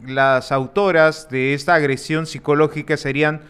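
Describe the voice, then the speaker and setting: A man, a radio host asking a caller measured questions. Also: a little high, steady tone, a bit bright, clean tone. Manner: brief acknowledgments, measured questions. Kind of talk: radio interview.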